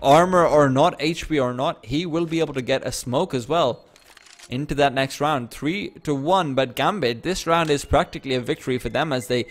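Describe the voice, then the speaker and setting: Here a man of medium pitch races through commentary on an esports game. Big plays fire him up, and he keeps adding little self-deprecating comments.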